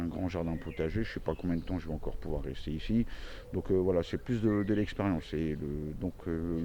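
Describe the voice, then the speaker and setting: A gardening YouTuber from France, a deep-voiced man in his forties with a central French regional accent, records a casual self-introduction outdoors in a small vegetable garden. His tone is dark and he rambles, full of fillers and restarts, over slight background noise.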